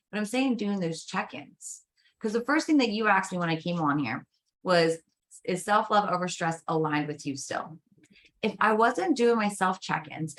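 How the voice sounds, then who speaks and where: Woman guest coach, middle pitch, emphatic and persuasive. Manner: emphatic and coaching, with rhetorical questions. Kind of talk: casual interview chat.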